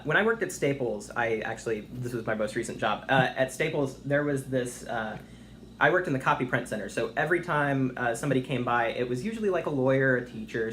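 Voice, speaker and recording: A man's voice: mid-range voice, fairly bright tone. A young man answering job interview questions in an eager, chatty, polite and informal way. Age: young adult. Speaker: internship applicant being interviewed. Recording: faint noise, phone interview on speaker.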